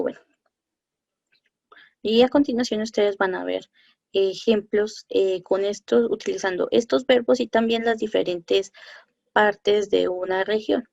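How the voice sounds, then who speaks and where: Brief: woman French teacher, gravelly edge, starts and restarts, dull dry lo-fi recording. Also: mid-range voice, a little mellow, dry recording. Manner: halting, many fillers and self-corrections. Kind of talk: recorded lesson over slides.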